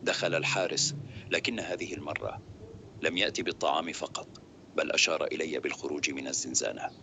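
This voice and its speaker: Deep fast-reading male storyteller. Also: steady tone, bright, forceful tone, a little hiss or hum. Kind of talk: scripted dramatic narration.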